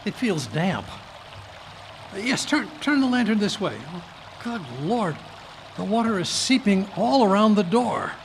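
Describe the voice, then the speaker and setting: A performer playing Dr. Watson, a flustered, blustering gentleman sidekick, stammering and exclaiming in old-time radio drama style. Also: mid-range voice, expressive, a little slow, creaky. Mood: alarmed. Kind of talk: old-time radio drama acting, live stage reading. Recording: live conference recording, background water noise.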